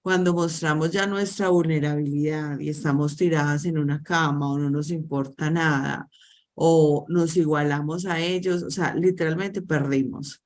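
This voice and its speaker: A woman's voice: low voice, steady tone, normal speed, darkish tone. A Colombian woman hosting a spiritual talk, exhorting her listeners in a preacherly way. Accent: Colombian Spanish. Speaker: host.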